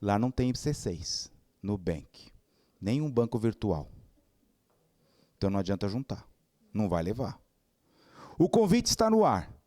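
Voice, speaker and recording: A middle-aged Brazilian man delivers a spiritist lecture in a fairly low voice, unhurried and marked by long pauses, on a dry recording. His delivery is animated storytelling, sprinkled with rhetorical questions.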